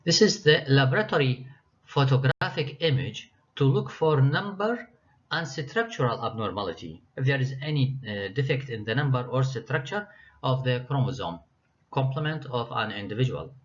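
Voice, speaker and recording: A man's voice: mid-range voice, animated, normal speed. A man lecturing university students, reading his slides with frequent hesitations and restarts. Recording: dull lo-fi lecture recording.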